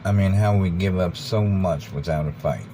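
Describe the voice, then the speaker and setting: An American man giving an informal, rambling monologue, earnest and deliberate, repeating phrases for emphasis. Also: dark tone, poor audio. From United States. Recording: background noise with vehicle rumble.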